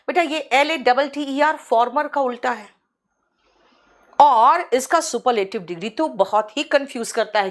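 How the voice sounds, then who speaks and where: A woman teacher giving an online exam-prep lecture at an unhurried pace. Her somewhat high voice swoops up and down as she stretches each word out syllable by syllable, warmly addressing her students as "beta". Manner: drawn-out, syllable-by-syllable drilling of words; calls students "beta" affectionately. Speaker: English teacher.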